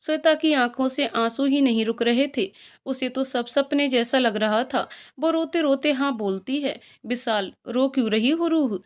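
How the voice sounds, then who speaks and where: Female storyteller, high voice, emotional scripted narration. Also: moderate pace. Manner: emotional, expressive reading.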